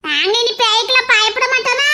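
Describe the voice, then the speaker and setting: A woman voicing a shrill, bright young village heroine. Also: lively intonation, brisk, faint music behind, full character voice. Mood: chatty. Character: young village women, the heroine and her friend. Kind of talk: animated story voice acting.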